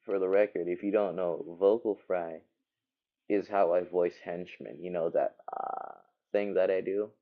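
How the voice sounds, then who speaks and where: Low man with heavy vocal fry. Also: steady tone, a little slow. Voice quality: vocal fry, gravelly creak. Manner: rambling, thinking aloud. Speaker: livestreaming animator. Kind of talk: casual livestream chat while working. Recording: muffled, dull microphone sound.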